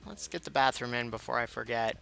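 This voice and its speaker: A man's voice: medium pitch, a little fast, creaky, sharp tone, soft background music. A tired man chatting casually with his viewers during a live game stream, rambling and poking fun at himself. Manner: chatty, rambling, self-mocking, talks to chat.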